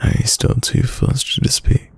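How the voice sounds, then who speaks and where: A man playing a tender, protective, gently dominant boyfriend in a whispered role-play, murmuring intimately and soothingly in a breathy, gravelly low voice. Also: normal speed, dry recording, natural voice. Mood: affectionate, gently dominant.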